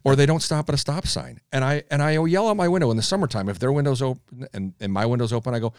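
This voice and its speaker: A man co-hosting a podcast, telling animated stories and acting out what other drivers say. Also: mid-range voice, fast talker, clear, resonant tone, dry recording, clean studio sound. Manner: animated storyteller who acts out other drivers. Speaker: podcast co-host. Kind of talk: casual conversation.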